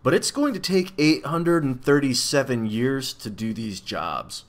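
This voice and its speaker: A man voicing a polite, earnest and curious young boy in a storybook, speaking softly. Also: mid-range voice, expressive, measured pace. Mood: hesitant, polite. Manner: soft-spoken, polite.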